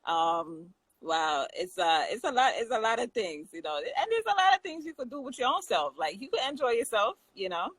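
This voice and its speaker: A woman's voice: fairly high pitch, very animated, normal speed, few pauses, a bit bright, no echo, low-quality recording. A woman with a Jamaican accent chatting casually on a talk show, laughing often and restarting her sentences. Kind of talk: casual chat.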